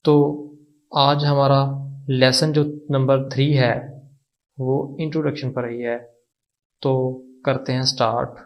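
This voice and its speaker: Pakistani man, online tutor, slow unhurried delivery, patient, repeats each word for drill. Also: medium pitch, level tone, highs cut off. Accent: Pakistani Urdu. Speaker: language teacher. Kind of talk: online language lesson.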